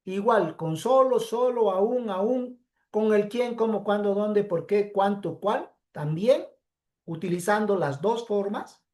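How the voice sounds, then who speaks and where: Her voice is medium in pitch with a dark tone as this woman teacher presents a pre-recorded class lecture. She takes it slowly, explaining each step and frequently asking "¿sí?" to check in with students.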